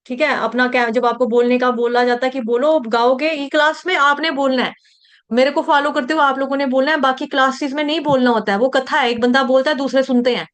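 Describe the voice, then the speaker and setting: A middle-aged woman teaching Sanskrit verse recitation in an online class. She chants the verse in slow, drawn-out syllables, then explains pronunciation in quick conversational asides over a video call. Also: fairly high pitch.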